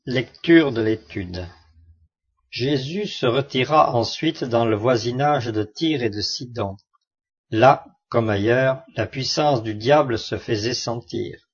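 A man reads devotional commentary on scripture in a measured, earnest voice. His pitch sits in the middle range. The recording is a little dull and lo-fi. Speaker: Bible study reader. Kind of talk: devotional commentary read aloud. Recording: muffled lo-fi recording.

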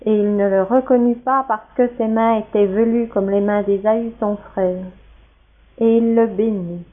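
A woman reading scripture aloud in a steady, measured way. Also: medium pitch. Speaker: scripture reader. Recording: tinny phone-like sound.

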